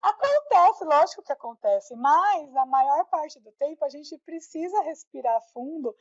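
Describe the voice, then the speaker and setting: A Brazilian woman with a notably high voice talks in an easy, emphatic podcast chat. Her sound is dry and close, with a somewhat dull, lo-fi quality. She keeps tossing in little tag questions as she talks. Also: very animated, a little slow, dry recording. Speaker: podcast co-host. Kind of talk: casual conversational chat.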